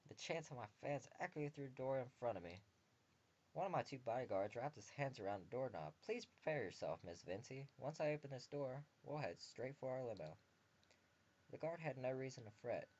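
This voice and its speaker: A man with a darkish, medium-pitched voice reads a visual novel aloud as a game video host, speaking in an animated, fairly quick way. He delivers both narration and dialogue mostly plainly, dropping joking comments between passages. The recording is a dull lo-fi home setup with faint ambience behind him.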